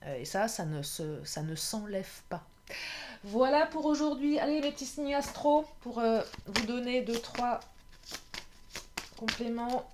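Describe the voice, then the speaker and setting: A woman's voice: fairly high pitch, expressive, unhurried, a little mellow, a little hiss or hum. A woman doing a casual card reading to camera. She is chatty, hesitates with many fillers and laughs at herself. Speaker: tarot card reader.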